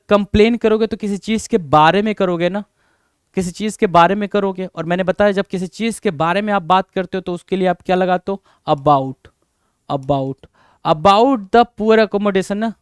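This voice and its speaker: A man teaching English grammar for an exam in a mix of Hindi and English with an Indian accent, patiently repeating points, asking questions and answering them himself, reading example sentences slowly. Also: high voice, clean tone, no room sound, clean studio sound. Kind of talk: exam-prep lesson in mixed Hindi and English.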